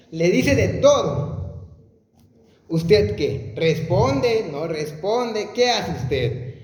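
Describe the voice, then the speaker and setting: Preacher guy, slow sermon, asks the crowd stuff, big echoey hall w/ a little hiss. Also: high-pitched, darkish tone. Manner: questioning the congregation directly. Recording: echoey hall, faint noise.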